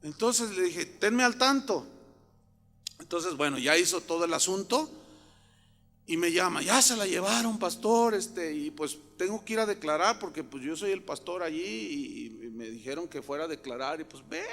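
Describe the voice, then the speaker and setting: A man from Mexico preaching a sermon, telling a story and often rising to loud, emphatic outbursts. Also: high voice, lively intonation, moderate pace, gravelly, faint music behind. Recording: long hall reverb.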